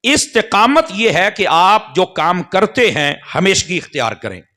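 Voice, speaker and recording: High-voiced preacher. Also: male voice, big pitch swings, unhurried, pushed and bright. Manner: addresses the crowd directly, often checking they follow. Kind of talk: sermon. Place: mosque.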